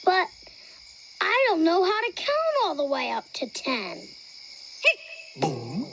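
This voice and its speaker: A man's voice: very high-pitched, huge pitch swings, a little slow, creaky, background noise, full character voice. An actor voicing a friendly young male bull in a children's cartoon, hiccuping between his words. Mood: worried.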